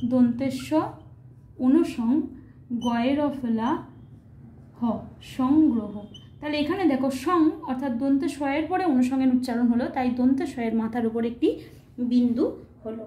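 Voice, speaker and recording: A woman's voice: high-pitched, dark tone, echoey room, a little hiss or hum. A woman teacher explaining a grammar lesson patiently, step by step, often checking that students follow. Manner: patient, step-by-step, often asks "ঠিক আছে?".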